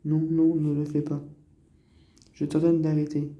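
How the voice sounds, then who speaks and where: Bossy servant guy read by a man, flat orders, echoey. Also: a little high, measured pace, lo-fi sound, close to an everyday voice. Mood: commanding. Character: commanding male servant voice, stern. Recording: roomy echo.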